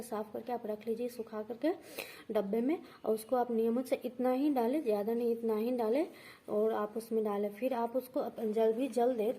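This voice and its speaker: A woman who teaches astrology and vastu walks her viewers through a devotional ritual one step at a time, patiently repeating each point and checking in with them. Her voice sits on the high side with a warm tone, though the recording is rough.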